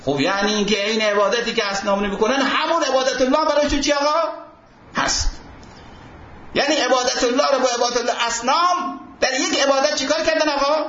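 A man's voice: very high voice, fairly even intonation, pushed and bright. A man giving a seminary lecture, quoting Arabic texts and posing fill-in questions to his students. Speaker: seminary teacher. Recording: roomy dull recording with faint hiss.

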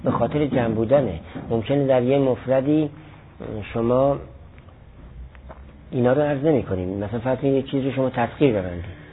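Delivered as a classroom lecture, this Arabic grammar lesson comes from a man with a medium-pitched voice and a little hiss or hum in the sound. He proceeds step by step, offers examples, and handles students' questions, all on phone-like lo-fi audio.

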